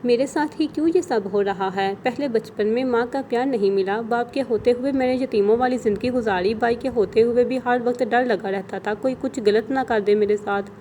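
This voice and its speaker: A woman's voice: a little high, few pauses, dark tone, slight background noise, natural voice. A woman reading the lines of a frightened teenage girl who pleads tearfully, in an audio novel. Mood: despairing.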